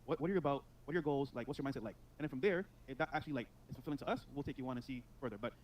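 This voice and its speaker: A man's voice: mid-range voice, racing, slight background noise, poor audio. A young man from Miami, a podcast guest who explains his views in a casual, matter-of-fact chat.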